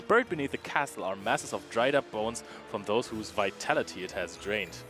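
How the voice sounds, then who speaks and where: A man co-commentating a live tournament, analysing in a relaxed way and laughing easily. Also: lowish voice, moderate pace, music in the background. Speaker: esports co-commentator.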